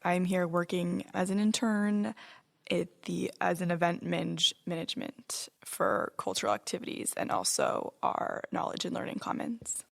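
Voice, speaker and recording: A woman's voice: lowish voice, normal speed, vocal fry. A woman in her twenties, an intern, talking in a chatty, upbeat way in an interview. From United States and Switzerland. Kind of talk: casual interview talk.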